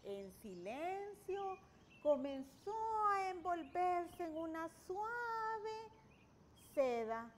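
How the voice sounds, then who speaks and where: A middle-aged woman with a high voice speaks as a storyteller for children. Her delivery is expressive and very melodic, with faint noise behind her. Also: drawn-out words. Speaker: guest children's author and teacher.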